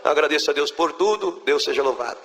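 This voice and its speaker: A man's voice: fairly high pitch, expressive, fast talker, a bit bright, big-room sound, a little hiss or hum. A man with a Brazilian Portuguese accent giving a spoken religious testimony in church, telling the story fervently and acting out the words of the people in it.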